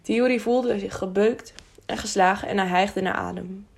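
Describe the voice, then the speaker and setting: A woman reading a children's adventure audiobook in a steady, expressive storytelling voice. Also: mid-range voice, moderate pace, gravelly, slightly rough. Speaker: audiobook narrator. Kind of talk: audiobook narration.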